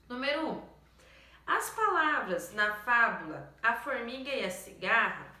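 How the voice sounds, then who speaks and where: A woman teacher slowly going over exercises in a recorded lesson, stopping often to check that the students follow. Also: a little high, sharp tone, echoey room.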